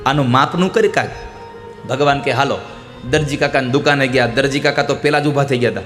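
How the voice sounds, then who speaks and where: A man's voice: mid-range voice, brisk, a bit bright, faint music behind. A man telling a devotional folk story, animatedly acting out the characters' lines.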